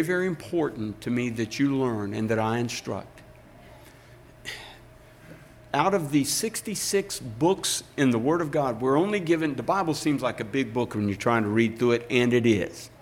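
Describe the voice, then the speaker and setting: Here an older pastor preaches and reads scripture at a measured, deliberate pace, pausing for emphasis. His voice sits at a medium pitch.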